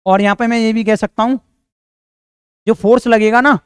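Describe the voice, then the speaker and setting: Chatty high-voiced male physics teacher. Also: fairly even intonation, moderate pace, smooth, no room sound, studio quality. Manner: chatty, jokey, addresses students directly. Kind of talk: casual classroom lecture.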